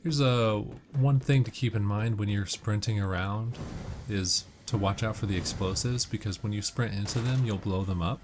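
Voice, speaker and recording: A man with a lowish voice talks at a normal speed, giving casual game commentary that walks through tips step by step in an explanatory, instructional way. He's a gamer offering a walkthrough, and game music and gunfire play behind him along with other background noise.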